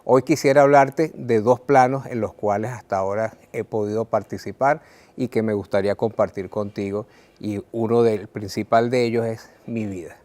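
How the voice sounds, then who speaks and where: A man's voice: on the low side, steady tone, darkish tone. Earnest Venezuelan man, personal talk. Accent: Venezuelan Spanish. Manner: earnest, measured, with frequent "eh" and repeated words. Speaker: writer sharing his life story. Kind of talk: reflective personal talk to camera.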